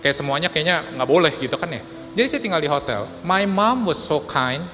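A male pastor preaching a sermon, telling a personal story, often addressing the congregation and mixing in English phrases, swinging between loud and soft. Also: fairly high pitch, animated, a little fast. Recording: hall with long reverb and faint music.

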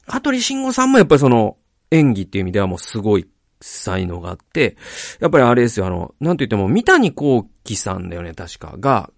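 A man hosting a podcast, talking casually about acting in films, animated and rambling, often breaking off and restarting his sentences. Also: mid-range voice, gravelly, no echo, studio quality. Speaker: podcast host.

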